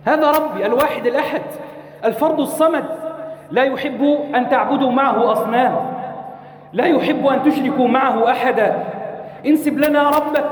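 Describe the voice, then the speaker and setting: A man preaching a sermon, speaking with passion, repeating phrases for effect and sometimes slipping into a chant. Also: very high voice. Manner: impassioned, rhetorical repetition, sometimes chanting. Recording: echoey hall reverb.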